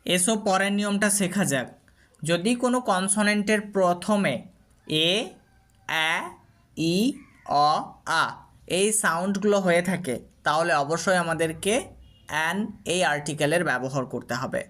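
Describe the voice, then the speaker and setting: A man's voice: high voice, normal speed, pauses often, fairly bright tone. A man with a Bengali accent teaching English grammar, patiently repeating and drilling example words for his students. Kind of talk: explaining lesson to students.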